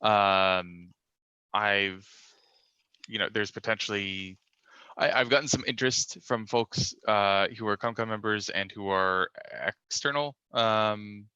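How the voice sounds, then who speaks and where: A man runs an online meeting in a relaxed, casual tone. His voice is low, bright and crisp, but it comes through dull and dry on the line. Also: takes it slowly, dry recording. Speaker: meeting chair. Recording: dull, dry call audio.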